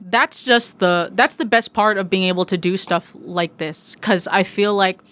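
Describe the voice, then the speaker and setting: A woman's voice: medium pitch, unhurried, fairly bright tone. A woman in her twenties, a music journalist guest, talking casually and animatedly with frequent restarts and swearing. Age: 20s. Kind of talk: casual podcast conversation.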